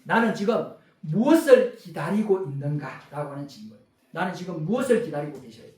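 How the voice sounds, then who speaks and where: A man's voice: fairly high pitch, very animated, a little fast, a little mellow. Pastor, man, Gyeongsang Korean accent, emphatic sermon, roomy distant church sound. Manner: emphatic, frequently addressing the congregation. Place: church sanctuary. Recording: roomy echo, from far off the mic.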